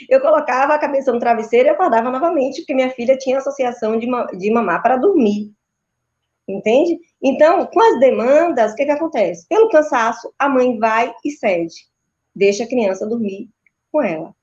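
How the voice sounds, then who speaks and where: A Brazilian woman in her thirties patiently explains children's routines, slowing down to stress her points and tagging her sentences with quick checks. Her voice sits a little high. The audio is dull and lo-fi, like a video call. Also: darkish tone. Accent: Brazilian Portuguese. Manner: didactic, frequent tag questions. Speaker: maternal and child sleep consultant. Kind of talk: explanatory interview answers.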